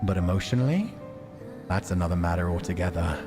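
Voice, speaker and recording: A man hosting a livestream of a visual novel reads the game's narration aloud and chats casually about it. His deep voice is expressive and a little fast, with music playing in the background.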